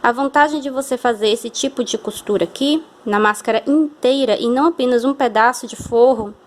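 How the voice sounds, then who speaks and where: A Brazilian woman with a slightly high voice and a Brazilian Portuguese accent leads a brisk hand-sewing tutorial. She takes it patiently, one step at a time, frequently asking how the viewer is doing.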